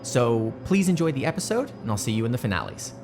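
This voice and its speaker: A woman's voice: very deep voice, sing-song, fast talker, over music. A woman hosting a podcast, reading a scripted announcement to listeners. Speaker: podcast founder, producer and co-host.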